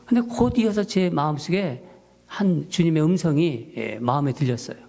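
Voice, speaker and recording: A man's voice: fairly high pitch, moderate pace, vocal fry. A man who is a pastor, preaching a sermon and telling a story from his church life in a storytelling manner. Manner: storytelling, animated, rising when quoting his own prayers. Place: church sanctuary.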